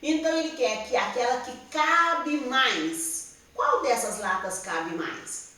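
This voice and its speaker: A woman's voice: fairly high pitch, slow, pushed and bright, recorded from a distance. A woman with a Brazilian Portuguese accent, a teacher patiently explaining a lesson to young pupils and checking they follow. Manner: patient, repeats and checks understanding with "tá?". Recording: roomy echo, speaker somewhat off-mic.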